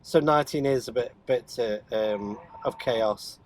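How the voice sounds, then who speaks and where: Demonstrating CB radio from his car, a hobbyist vlogger speaks casually without a script, hesitant and thinking aloud. His mid-range voice is unhurried, the audio is poor, and faint vehicle noise runs behind it.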